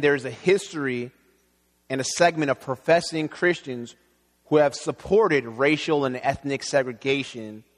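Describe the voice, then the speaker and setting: A man born in Haiti, preaching an earnest, measured sermon as pastor. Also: mid-range voice, a bit bright. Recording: long reverb in a hall.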